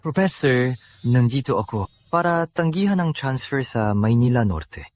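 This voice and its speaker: A sincere, resolute young man, dubbed by a man. His mid-pitched voice moves lively up and down as he speaks firmly. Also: moderate pace, natural voice. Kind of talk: dubbed drama acting.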